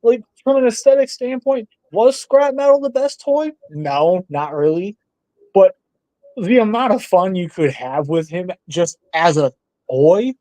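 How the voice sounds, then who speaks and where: A man's voice: high-pitched, a little slow, mellow, no room sound, poor audio. A man filling in as co-host, chatting casually in a live discussion and giving blunt, opinionated takes with frequent laughter. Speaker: stand-in co-host.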